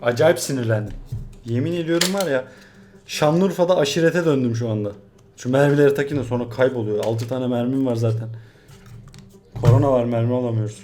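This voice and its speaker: A man's voice: mid-range voice, fairly quick, music in the background. A young man from Turkey chatting casually on his vlog as he works a puzzle, muttering and grumbling in mock frustration. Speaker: YouTuber solving a puzzle. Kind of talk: casual vlog chat while solving a puzzle.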